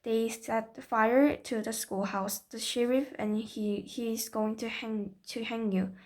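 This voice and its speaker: Scared but defiant young schoolteacher, urgent, fairly high, woman reading. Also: steady tone, takes it slowly. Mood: pleading. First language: Korean. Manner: urgent and pleading.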